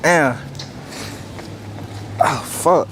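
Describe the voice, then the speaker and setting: A man's voice: a little high, extremely slow. A young man hosting a street prank video, talking in slang and pleading that he's sick. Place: outdoors on a city street. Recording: loud street noise on outdoor camera mic.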